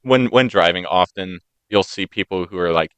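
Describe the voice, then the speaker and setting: Bright-voiced young man, animated storyteller. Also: sits low, moderate pace, smooth, no room sound. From United States. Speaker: podcast co-host. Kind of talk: casual podcast chat.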